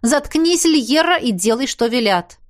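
Sarcastic young heroine, exasperated and sharp, pitched up high, lively swings, as a woman reads her. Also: unhurried. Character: fiery young woman heroine, quick to anger.

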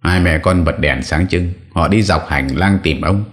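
A man narrating a horror audiobook in a steady, dramatic way. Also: low voice, measured pace. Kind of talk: scripted horror story narration.

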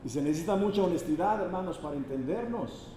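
High-voiced preacher in an echoing hall. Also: male voice, lively intonation, fast talker, mellow, distant mic. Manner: emphatic, rhetorical questions. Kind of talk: sermon. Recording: echoey hall, faint background noise.

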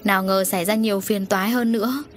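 A woman's voice: mid-range voice, steady tone, fast talker, slight background noise, natural voice. Audiobook: grieving mother, despairing lament, woman reader. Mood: sorrowful lament. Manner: lamenting, sorrowful. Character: grieving middle-aged mother, tearful and despairing.

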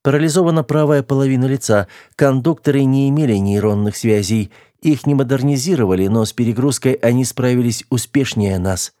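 Male reader as calm female android who reports facts flatly; higher than his own voice, dry. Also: fairly quick, hardly any pauses, dry recording, natural voice. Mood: matter-of-fact. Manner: level, matter-of-fact reporting. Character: female android crew member, calm and truthful.

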